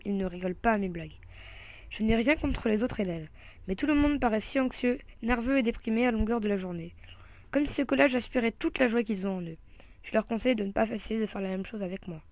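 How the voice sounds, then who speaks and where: A woman reading a comic children's novel aloud in the first person, with lively storytelling. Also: fairly high pitch, brisk, no room sound.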